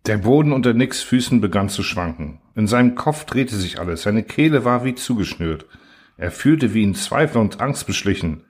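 A man reading a story aloud in measured scripted narration. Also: fairly low pitch, lively intonation, darkish tone. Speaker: audiobook reader.

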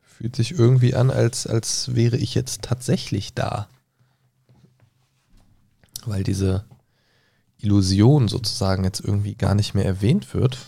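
A man reading a solo gamebook aloud on his podcast, pausing to mutter hesitant asides while leafing through pages. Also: fairly low pitch, vocal fry, mellow, husky. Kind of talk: reading aloud and thinking out loud.

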